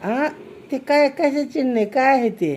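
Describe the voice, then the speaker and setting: A woman's voice: high-pitched, moderate pace, a little mellow, a little hiss or hum. A woman filming a home video on a handheld phone, coaxing and teasing a child, with frequent exclamations. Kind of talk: casual home video chat.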